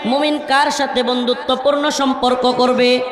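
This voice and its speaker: A man preaching a sermon from a crowded stage, pleading with and scolding the crowd to stay quiet, sometimes slipping into slow chanted recitation of scripture. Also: very high voice, little pitch movement. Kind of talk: sermon at a crowded religious gathering. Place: crowded stage at a large outdoor gathering. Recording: echoing reverb over a murmuring crowd.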